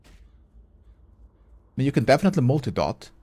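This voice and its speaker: During a live game stream, a man with a mid-range, slightly mellow voice talks briskly, his pitch swinging widely. He chats with viewers, answers their messages as he plays, thinks out loud, and swears now and again.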